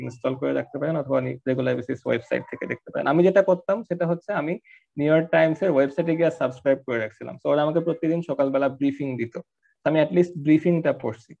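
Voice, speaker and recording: A man's voice: medium pitch, creaky, darkish tone, lo-fi sound. A man teaching an online class, talking conversationally with many fillers and English words mixed in. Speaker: course instructor. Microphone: online class audio.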